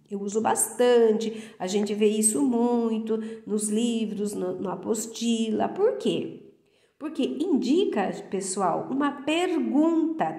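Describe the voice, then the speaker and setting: A Brazilian woman teacher with a fairly high voice talks slowly and patiently, her pitch rising and falling a great deal. She keeps checking that her pupils follow along. The recording has a clear echo from the room around her. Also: a little mellow. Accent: Brazilian Portuguese. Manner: slow and patient, with many check-ins to the class. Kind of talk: recorded school lesson for pupils. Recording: echoey room.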